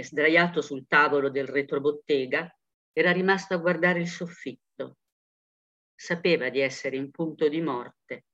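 A man reading a story aloud in an even, quiet narration. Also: on the high side. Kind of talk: audiobook reading. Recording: muffled, dull recording.

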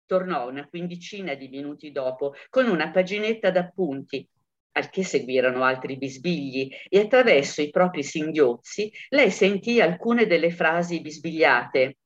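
Low-voiced woman narrating a story. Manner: measured, expressive storytelling. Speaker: audiobook reader. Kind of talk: scripted narration. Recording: dull lo-fi recording.

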